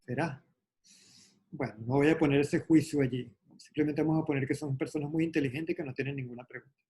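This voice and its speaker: A man leading an online meditation class, explaining slowly and gently in a calm, reflective way over a video call. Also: on the high side. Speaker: yoga and meditation teacher.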